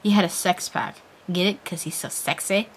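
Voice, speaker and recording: Low-voiced woman doing a dramatic reading. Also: fairly even intonation, normal speed, husky, low-quality recording. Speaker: reader. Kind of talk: dramatic reading of fan fiction.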